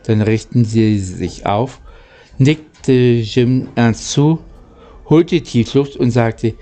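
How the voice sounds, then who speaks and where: A warm, medium-pitched male voice narrates a storybook as an audiobook reader and channel host. His reading is halting, and he occasionally stumbles over or misreads words.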